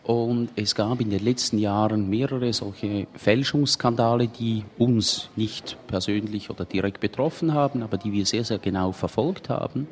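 A man's voice: lowish voice, moderate pace, hardly any pauses. A man giving interview answers as head of a business. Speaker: auction house head being interviewed. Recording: faint background noise.

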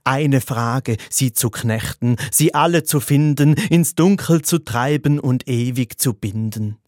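A man's voice: mid-range voice, unhurried, darkish tone, no echo, clean studio sound. A man with a Swiss German accent delivering a scripted comedy monologue, sarcastic and exaggerated. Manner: sarcastic, exaggerated, mimics voices.

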